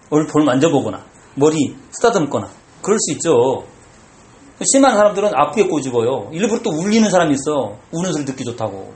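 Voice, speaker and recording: A man's voice: fairly high pitch, darkish tone, reverberant. A man preaching a conversational sermon as pastor, acting out quoted lines.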